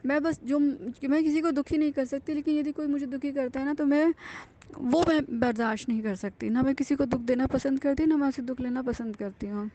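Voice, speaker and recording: High, mellow-voiced woman giving earnest thanks. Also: brisk, a little hiss or hum. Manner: earnest, confiding, with frequent fillers and restarts. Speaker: devotee sharing a testimony. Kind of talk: personal devotional testimony, casual.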